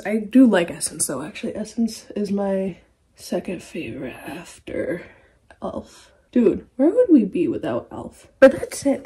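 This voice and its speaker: A young woman chatting casually through a get-ready-with-me vlog at home, laughing often and slipping into soft whispers. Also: mid-range voice, slightly rough. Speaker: beauty vlogger.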